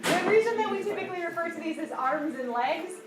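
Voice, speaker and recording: A high school biology teacher with an extremely high-pitched, expressive voice talks fast as she explains a lesson to her class, often checking that they follow. The recording is echoey, from a distant mic in the classroom, with background noise.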